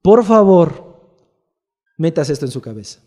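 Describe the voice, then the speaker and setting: A man's voice: on the high side, very animated, measured pace, mellow. A man preaching a sermon as pastor, talking to the congregation with rhetorical questions. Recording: long hall reverb.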